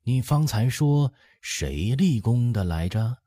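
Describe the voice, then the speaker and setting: A man voicing an eighty-year-old empress dowager who gently lectures her son in an audiobook. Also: medium pitch, expressive, dry recording, studio quality, voice pushed up. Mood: motherly. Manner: soothing, lecturing, drawn-out chatty. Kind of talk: audiobook character voice.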